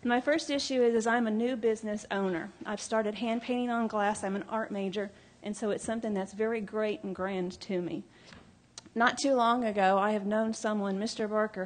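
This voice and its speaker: A nervous woman addressing a city council during public comment, earnest and stumbling over a few words. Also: medium pitch. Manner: earnest, a few slips and restarts.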